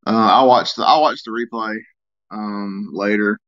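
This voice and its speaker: Tired man, low voice, rambling live-stream host reading chat, slightly muffled lo-fi audio. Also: a little slow. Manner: rambling, relaxed, reads and answers chat comments. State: tired, yawning.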